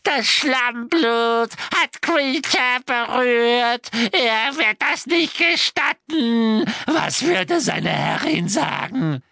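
A grief-stricken old house-elf, servile and broken, voiced by a woman. He drags every word out at a crawling pace, halting and sobbing. The audiobook recording is bone-dry, with no room sound at all. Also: mid-range voice, expressive, no echo. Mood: disgusted. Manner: sobbing, halting, slow and heavy. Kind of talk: audiobook character reading.

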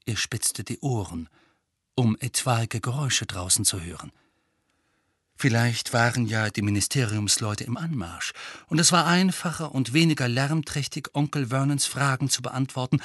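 A man reading an audiobook with expressive storytelling, close to a dry studio microphone. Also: mid-range voice, moderate pace, breathy edge, dry recording. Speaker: audiobook narrator. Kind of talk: scripted narration.

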